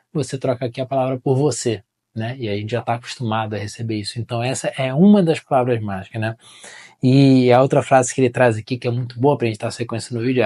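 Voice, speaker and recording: A man with a Brazilian accent teaching marketing in a relaxed, chatty way. His voice sits at an ordinary middle pitch for a man. He keeps checking in with the listener through quick tag questions. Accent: Brazilian Portuguese. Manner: conversational, often ends phrases with tag questions. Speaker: marketing educator. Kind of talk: casual explanatory talk to camera.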